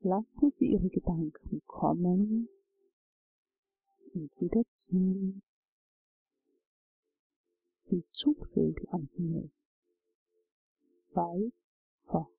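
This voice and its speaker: A woman narrating a guided relaxation journey, giving calm, soothing instructions. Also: lowish voice, extremely slow, gravelly, long pauses, slightly rough, no echo, poor audio.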